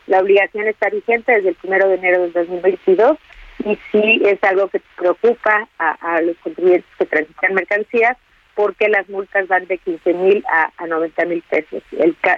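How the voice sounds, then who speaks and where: A woman, a tax expert answering interview questions in a measured, technical way with many fillers. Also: fairly low pitch, highs cut off. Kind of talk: explanatory radio interview answers.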